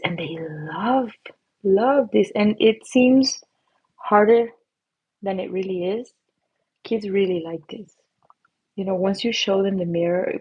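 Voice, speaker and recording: A woman's voice: medium pitch, slightly rough, highs cut off. A woman hosting a live painting stream, chatting with viewers in a bubbly, giggly way as she paints. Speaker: livestream host and face painter. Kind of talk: casual live-stream chat while painting.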